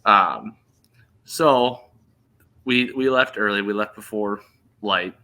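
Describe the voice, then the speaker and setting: A man in his thirties casually telling a hunting story on a podcast, animated and laughing as he goes. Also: lowish voice, slow pace. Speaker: podcast host.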